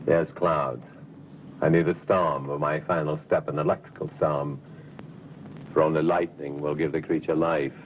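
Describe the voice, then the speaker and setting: A very low-voiced, embittered older male scientist in a gothic horror film. He declaims grandly, like a man set on proving his genius. The old soundtrack is thin and phone-like, with noise behind him. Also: flat delivery, moderate pace. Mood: determined, obsessed. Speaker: doctor.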